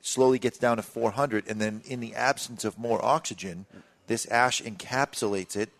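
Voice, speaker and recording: Relaxed male radio co-host explaining. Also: mid-range voice, moderate pace, vocal fry. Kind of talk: casual radio chat.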